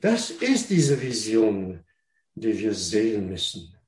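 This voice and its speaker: This sermon comes from a man whose German is not his first language; he goes slowly and deliberately, stumbling into restarts and repetitions and throwing questions back at the audience. His lowish, darkish voice is very animated. The hall's echo is clearly audible.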